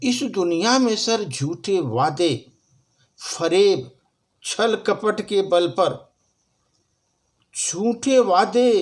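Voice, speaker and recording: A man with a high voice recites a short poem in a slow, deliberate way. He repeats each line with emphasis and keeps addressing his listener as sir. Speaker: poetry reciter. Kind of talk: recited Hindi poetry with spoken introduction.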